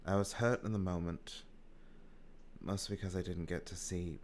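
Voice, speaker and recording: A man voicing a woman mentor in a tabletop game who speaks in a measured, apologetic way, barely changing his own voice. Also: low-pitched, steady tone, a little hiss or hum, close to an everyday voice. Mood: remorseful. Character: remorseful woman mentor figure.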